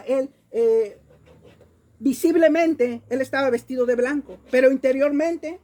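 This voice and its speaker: A woman's voice: fairly high pitch, darkish tone. A Mexican woman preaching a Bible-study sermon in an emphatic way, often repeating words as she searches for the next phrase.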